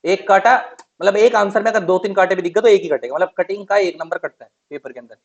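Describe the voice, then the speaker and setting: Speaking quickly in a high voice, a man gives a law lecture in a classroom, captured with lo-fi sound. His style is chatty, blending Hindi with English terminology and answering his own questions to the students.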